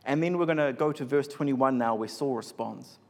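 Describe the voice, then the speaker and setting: A man giving a sermon, retelling a Bible story in a relaxed, conversational way with frequent fillers. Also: mid-range voice, normal speed, gravelly. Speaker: preacher. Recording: long hall reverb.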